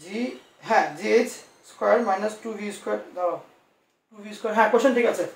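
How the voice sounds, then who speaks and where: Fast-talking high-voiced man teaching physics. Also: creaky, reverberant, far from the mic. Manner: quick, coaxing, reassuring tutoring with many asides. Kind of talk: online class lecture.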